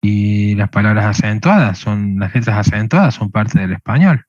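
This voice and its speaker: A man's voice: lowish voice, expressive, moderate pace, a little mellow, dry recording, dull audio. A man teaching a programming lesson, explaining step by step and checking with a questioning "¿sí?" again and again. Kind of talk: screen-recorded coding lesson.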